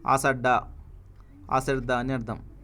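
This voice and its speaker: A man with a Telugu accent slowly reads dictionary words and their meanings, pausing after each one. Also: medium pitch, flat delivery, fairly bright tone. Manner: reads each word then its meaning, with pauses. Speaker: teacher reading a word list.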